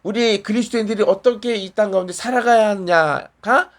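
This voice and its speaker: A man's voice: high-pitched, fairly quick. Conversational male preacher in a small church. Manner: conversational, asks the congregation questions and answers back. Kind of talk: sermon.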